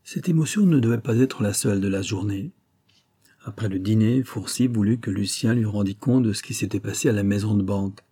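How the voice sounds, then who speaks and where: A man narrating a classic novel as an audiobook in a measured, even manner. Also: lowish voice, breathy edge.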